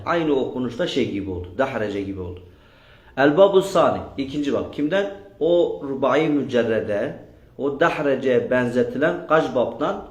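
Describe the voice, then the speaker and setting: A man teaches a grammar class, quizzing his students over and over and repeating their answers back to them. His voice sits at a middle pitch. It rings in an echoey room. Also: animated, normal speed, darkish tone. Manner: drills students with repeated questions. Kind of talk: classroom lesson with question and answer.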